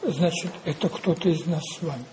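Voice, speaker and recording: Slow, mellow-voiced male preacher. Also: fairly high pitch, slight background noise, poor audio. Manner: slow, deliberate, repetitive, with rhetorical questions. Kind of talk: sermon.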